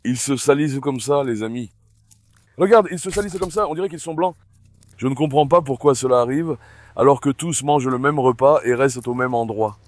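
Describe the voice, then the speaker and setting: A man's voice: mid-range voice, a little fast, no room sound. A middle-aged man hosting a casual dog-farm vlog, chatting to viewers and calling out fondly to his dogs. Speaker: dog breeder and channel host.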